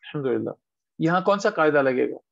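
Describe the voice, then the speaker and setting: Man teaching recitation over a call, dry and close, drawn-out model words. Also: on the high side, lively intonation, gravelly, no room sound. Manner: patient, asks students questions, drawn-out model words. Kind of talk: online tajweed class. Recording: dull lo-fi online call audio.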